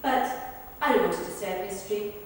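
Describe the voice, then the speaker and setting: In a rehearsal, a woman performs verbatim theatre monologues, earnestly relaying people's accounts of a celebrity's visit to a football club. Her mid-range voice is close to everyday speech and a little fast. The large rehearsal room echoes, the mic is distant, and there's faint noise.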